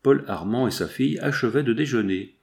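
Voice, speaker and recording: A man narrating a novel in a measured, expressive reading. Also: medium pitch, creaky. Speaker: audiobook narrator.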